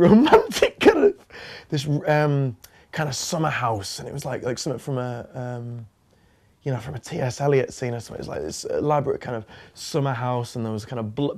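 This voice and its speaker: A man's voice: mid-range voice, a little mellow. A young man from northern England, rambling and hesitant as he recalls his childhood in an interview. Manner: rambling, hesitant, many fillers, bursts of quick talk. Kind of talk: reminiscing about childhood.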